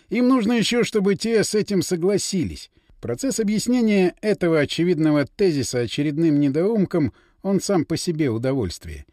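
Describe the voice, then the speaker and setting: Man reading a novel aloud, warm mellow voice, dead dry studio sound. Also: fairly high pitch, no room sound. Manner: expressive, measured reading. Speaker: narrator. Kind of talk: audiobook narration.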